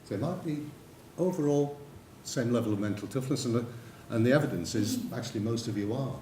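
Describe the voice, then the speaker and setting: In an echoey lecture room with faint background noise, an English-accented man gives a conference talk, telling stories and speaking directly to listeners. His mid-range voice is mellow and a little fast.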